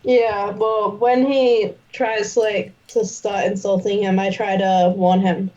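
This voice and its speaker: A woman's voice: medium pitch, little pitch movement, slow pace, warm tone. A woman chatting casually as a player in a tabletop game, on a slightly muffled mic.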